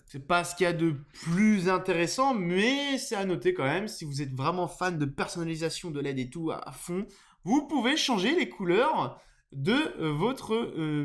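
High-voiced French man explaining software. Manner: explanatory, hesitant with many fillers. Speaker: tech YouTuber reviewing a microphone. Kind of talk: casual screen-share tutorial. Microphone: USB desk microphone under test.

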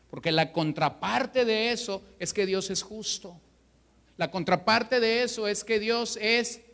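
A high, bright-toned pastor delivers an emphatic sermon. He drives his points home with rhetorical questions. His voice rings with the long reverb of a church hall. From Mexico.

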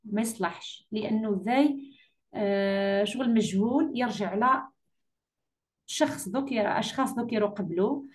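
A woman with an Algerian Arabic accent correcting an English exam for her students, patiently repeating key words slowly. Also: mid-range voice. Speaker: English teacher.

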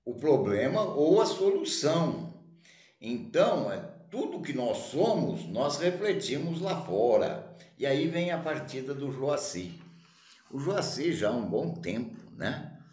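A man's voice: a little high, very animated, unhurried, a little mellow. A man hosting a checkers channel, talking casually and tagging almost every phrase with "né?". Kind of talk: casual commentary and storytelling. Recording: roomy echo.

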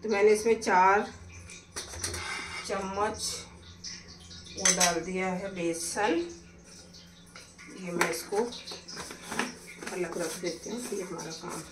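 A woman walks through a home recipe at a slow, easy pace, chatting about each step as she works. Her voice sounds a little distant from the mic and bounces around a roomy kitchen. Pots and utensils clink clearly in the background. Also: lowish voice, fairly even intonation, very noisy. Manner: chatty, explains each step while cooking. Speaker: cooking vlogger. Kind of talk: casual cooking demonstration. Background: clatter of pots and utensils.

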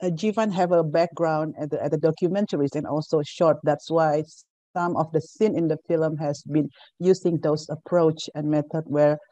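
Mellow-voiced moderator with Indonesian accent. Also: female voice, sits low, fairly even intonation, normal speed, dry recording, low-quality recording. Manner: careful, with uh fillers. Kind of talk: moderating a film Q&A. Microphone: webcam on a video call.

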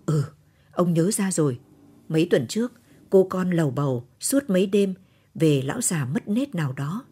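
A woman voicing an old village grandfather, fussy and quick to scold, in an audio storybook. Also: lowish voice, expressive, dark tone, husky. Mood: worried.

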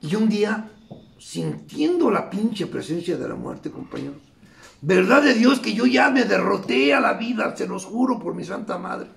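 A man with a Mexican accent gives a raw, profane testimony at a recovery meeting. His voice is high and gravelly. It echoes through a roomy space. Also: expressive, normal speed. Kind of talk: emotional testimony.

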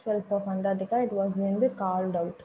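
A woman's voice: medium pitch, level tone, extremely slow, narrow, tinny audio, a little hiss or hum. A woman with a Tamil accent teaching an exam revision lesson on current affairs, switching between Tamil and English with frequent fillers and restarts.

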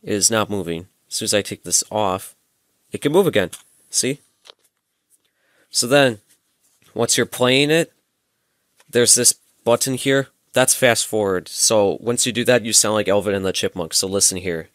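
With frequent pauses and a moderate pace, a young adult man with a lowish, slightly bright voice explains a gadget step by step in a casual hands-on tutorial. He records indoors in a small home room on a headset mic, and the studio-quality audio has no echo.

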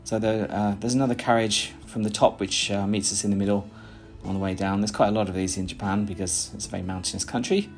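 Lowish and fast, with fairly even intonation and few pauses, this British man's voice runs over soft background music. In his thirties and from Britain, he vlogs casually and narrates voice-overs in British English from a small plain room, chatty and rambling with plenty of "uh"s and restarts.

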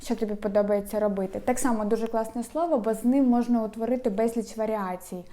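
Upbeat young woman as a language teacher, fairly high voice, mellow tone, repeats phrases slowly. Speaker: Spanish teacher. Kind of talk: language lesson.

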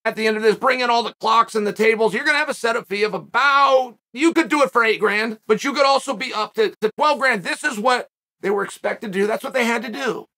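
Male host, high tense voice, emphatic opinion rant. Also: fast, bright, forceful tone. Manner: emphatic, ranting, repeats phrases for effect. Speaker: podcast host. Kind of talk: opinion commentary.

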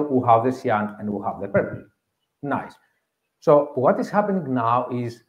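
Medium-pitched with a darkish tone, a Greek-accented man in his thirties from Greece delivers a conference tech talk step by step, repeating the main points. The audio comes from a meeting room with an audience and sounds roomy and slightly dull.

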